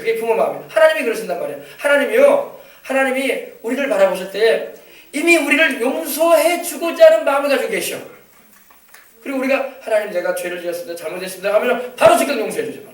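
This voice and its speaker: A male pastor delivers a sermon, coaxing his congregation for responses and repeating key phrases for emphasis. His voice sits high for a man. The recording comes from far off the mic in an echoey church hall. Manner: exhorting, prompting the congregation for amens. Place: church sanctuary.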